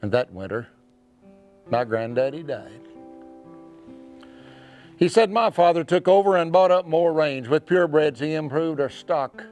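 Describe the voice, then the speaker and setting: A man reciting cowboy poetry as earnest, measured storytelling, with dramatic phrasing and pauses. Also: fairly high pitch, lively intonation. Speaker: cowboy poet. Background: soft acoustic guitar music.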